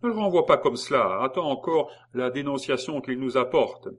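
A man voicing a coarse, excitable male revolutionary jailer. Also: mid-range voice, normal speed, breathy edge, close to an everyday voice. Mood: eager.

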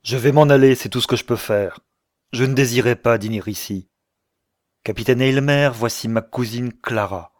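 A blunt, jealous young man with a quick temper, read by a male narrator. He speaks forcefully in a low, dry voice. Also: fairly even intonation, no room sound, close to an everyday voice. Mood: angry.

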